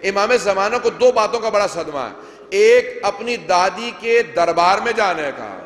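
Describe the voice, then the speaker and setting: A man delivers a majlis sermon on a venue microphone, his voice pitched high. He declaims and acts out quoted dialogue from old narrations. The sound rings in a large hall with long reverb. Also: animated, background noise. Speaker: preacher.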